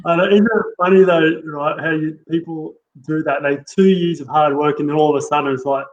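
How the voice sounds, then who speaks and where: A man's voice: on the high side, steady tone, fairly quick. Agreeable man on a dull lo-fi line. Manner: agreeable, musing, often ends with "right?". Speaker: interview host. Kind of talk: conversational interview. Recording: dull lo-fi sound with faint noise.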